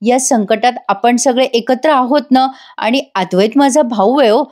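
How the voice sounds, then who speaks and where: A woman's voice: a little high, moderate pace, a little mellow, pitched above the performer's own voice, natural voice. A woman voicing a spoiled, callous young man in a TV serial recap. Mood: offhand. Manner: careless, dismissive.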